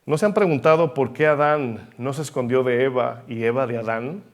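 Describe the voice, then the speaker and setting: A man's voice: medium pitch, normal speed. A man preaching a sermon in Spanish-language church style, emphatic, asking rhetorical questions and varying his pace.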